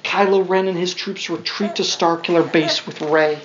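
A man with a high-sitting, steady voice reads a children's storybook aloud to his young son at a moderate pace, adding playful, wry asides. The sound is dull and lo-fi with faint background noise.

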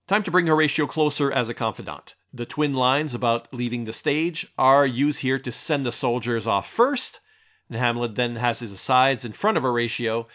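A man's voice: mid-range voice, fairly bright tone. Man narrating analysis, slightly dull recording. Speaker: narrator and film critic. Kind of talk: scripted analytical commentary.

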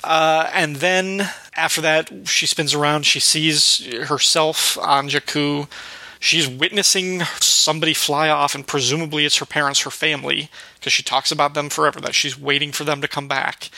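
Man, podcast host, casual musing talk, gravelly edge, very bright tone, dry close sound. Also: a little high, fairly even intonation, normal speed, no room sound, rough recording. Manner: thoughtful, musing. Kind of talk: casual discussion.

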